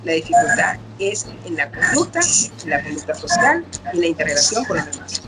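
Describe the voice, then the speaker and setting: A woman's voice: low voice, big pitch swings, a little fast, heavy background noise. A middle-aged woman doctor, explaining patiently in an interview. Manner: patient, explanatory, acts out quoted parents and children. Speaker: doctor, guest expert. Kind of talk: explaining casual interview talk.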